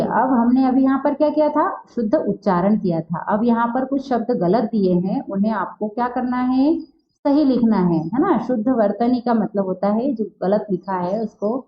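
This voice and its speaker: A woman teaching a Hindi class, who asks a question and answers it herself, and slowly repeats words to show how they are said. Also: on the high side. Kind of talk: recorded class lesson. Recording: dull lo-fi sound in an echoey room.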